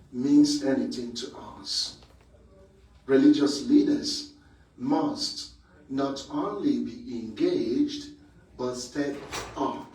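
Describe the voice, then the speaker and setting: Man from nigeria giving a panel talk, real slow with lots of ums, sounds far off in a roomy space. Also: mid-range voice, mellow. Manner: slow, measured, frequent um pauses. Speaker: priest and academic speaker. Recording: echoey room, distant mic.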